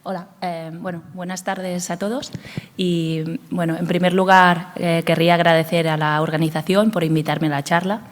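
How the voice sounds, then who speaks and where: A woman's voice: on the low side, flat delivery, normal speed. A woman with a Spanish accent and a cold, giving a hesitant medical conference talk with many fillers. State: has a cold. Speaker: cardiologist speaker. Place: conference hall. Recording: long hall reverb.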